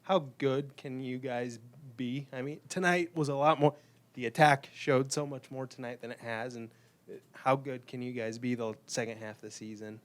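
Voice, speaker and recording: A man reporter at a press conference, halting and rephrasing as he asks his question. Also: mid-range voice, steady tone.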